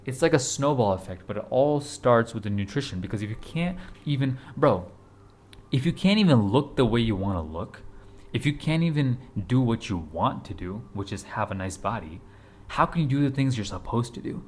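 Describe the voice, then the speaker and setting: A man's voice: mid-range voice, expressive, moderate pace. A man in his twenties giving a casual motivational talk to camera, urgent and repetitive, blunt, with casual swearing. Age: 20s. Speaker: fitness vlogger.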